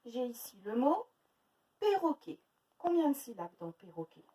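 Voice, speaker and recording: A woman teaching a phonics lesson to young children, sounding out words slowly syllable by syllable. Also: fairly high pitch, sing-song, warm tone, recorded from a distance, poor audio. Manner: slow, exaggerated syllable-by-syllable pronunciation. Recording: faint noise, voice a little off-mic.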